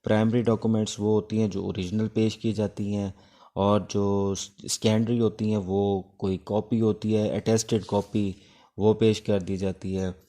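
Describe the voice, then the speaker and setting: It's an informal exam-prep lecture on law from a man with a Pakistani accent, his pitch fairly low and his tone level and mellow. He mixes English legal terms in, instructing haltingly with breaks between phrases.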